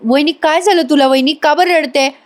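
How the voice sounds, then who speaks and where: A woman's voice: on the high side, moderate pace, close to an everyday voice. A woman voicing a naive young village sidekick who chatters in rustic speech, in a retold serial scene.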